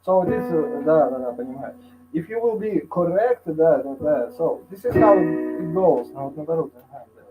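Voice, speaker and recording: High-voiced man, teaching. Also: animated, dull audio, loud music behind the voice. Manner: halting, hesitant speech that falls back on another language; scats rhythms on syllables to demonstrate. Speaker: piano teacher. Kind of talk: online music lesson.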